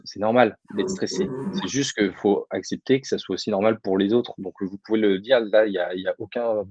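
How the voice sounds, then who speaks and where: A man's voice: lowish voice, darkish tone, no echo, lo-fi sound. A man giving casual public speaking advice in a webinar, answering questions informally with many fillers. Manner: informal, addresses audience directly, many fillers.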